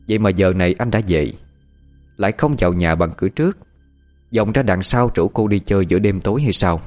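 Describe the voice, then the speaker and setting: A man giving steady, scripted narration of a ghost story. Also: sits low.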